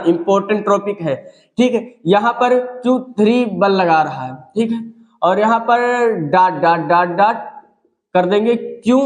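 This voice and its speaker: A high-pitched man teaches physics in a roomy, echoing space. He repeats each phrase and keeps checking in with his students as he explains at the board. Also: a little mellow. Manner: repetitive, checks in often with "theek hai" and "bhaiya". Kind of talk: classroom lecture explaining at a board.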